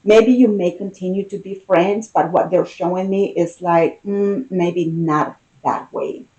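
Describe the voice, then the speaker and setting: A woman giving an unscripted, intimate tarot card reading, musing aloud with pauses and repeated phrases. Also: on the low side, dark tone, highs cut off.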